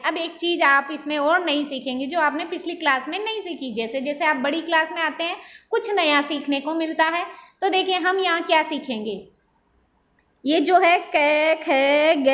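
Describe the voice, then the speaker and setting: A woman teaching an online class to young pupils, slow and patient, asking questions and then answering them herself. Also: high voice, fairly bright tone. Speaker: primary school teacher. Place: Nagaur region, India.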